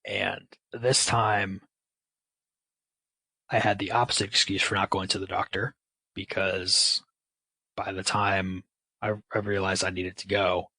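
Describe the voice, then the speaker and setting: A man's voice: low-pitched, flat delivery, unhurried, long pauses, bright, forceful tone, slightly rough, no room sound, poor audio. A man speaking candidly and casually about his own experience, with wry, self-deprecating sarcastic asides. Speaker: podcast guest. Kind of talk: candid personal storytelling.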